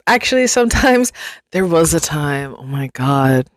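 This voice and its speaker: A woman's voice: low voice, very animated, unhurried, no room sound. A young woman hosting a casual solo podcast, rambling, interrupting herself and swearing freely. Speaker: podcast host.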